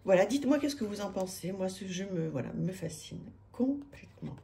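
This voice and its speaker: A woman's voice: medium pitch, lively intonation, fairly quick, vocal fry, mellow, a little hiss or hum. A woman, chatting to camera about her tarot decks, hesitant with many fillers and restarts, enthusiastic. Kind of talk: casual chat to camera. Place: home room with street noise outside.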